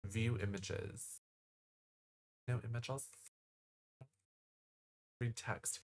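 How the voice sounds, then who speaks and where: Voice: medium pitch, steady tone, very slow. A live streamer chatting casually with viewers while playing a game, in a campy, exclamatory drag-slang manner. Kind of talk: casual live gaming commentary and chat with viewers.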